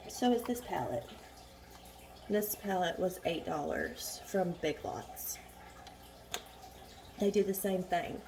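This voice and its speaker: A woman casually chatting through a makeup tutorial at home, rambling and frank, a little hoarse, recorded on a phone. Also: fairly low pitch, very animated, slow pace, long pauses, background noise. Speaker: beauty vlogger. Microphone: phone camera.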